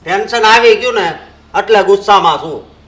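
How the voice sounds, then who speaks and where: An actor playing a stressed son whose business is failing, in a short drama. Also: male voice, fairly high pitch, a little slow, a crowd in the background, close to an everyday voice. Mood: tense. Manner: tense, agitated.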